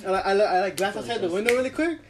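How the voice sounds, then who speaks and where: A man's voice: high voice, animated, rapid-fire, background noise. A young man telling a story in a casual group chat, laughing and restarting as he goes.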